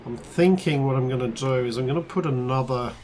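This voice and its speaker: An Australian man thinking aloud as he plays a strategy game, counting quietly under his breath, his voice worn and starting to go. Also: mid-range voice, a little fast, a little hiss or hum. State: losing his voice. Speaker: let's play host. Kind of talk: casual gameplay commentary.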